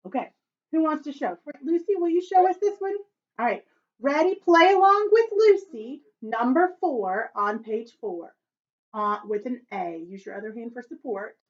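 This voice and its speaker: A woman's voice: high voice, lively intonation, normal speed, lo-fi sound. A woman teaching children a recorder lesson, encouraging them and chanting rhythms aloud. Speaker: music teacher.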